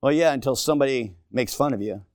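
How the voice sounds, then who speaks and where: A man's voice: medium pitch, fast talker, a little mellow, no echo, studio quality. A man in his sixties preaching a sermon to a congregation, emphatic and exhorting, repeating phrases for effect. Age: 60s. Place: church before a congregation.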